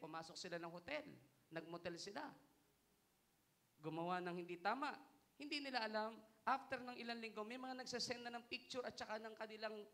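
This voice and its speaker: A man's voice: sits high, a bit bright. A Filipino man preaching a sermon as pastor, switching between Tagalog and English and reading scripture aloud with emphasis. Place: church.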